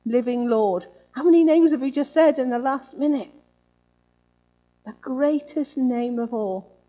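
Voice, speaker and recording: Woman, sermon, chatty tag questions, mellow voice, dull lo-fi recording. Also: high voice, a little slow. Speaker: preacher.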